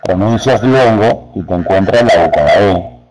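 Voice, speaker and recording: A man teaching a spelling lesson to teachers, explaining slowly and speaking to them directly. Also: low voice, expressive, darkish tone, soft background music, rough recording. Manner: slow, deliberate, addresses teachers directly. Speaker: teacher trainer.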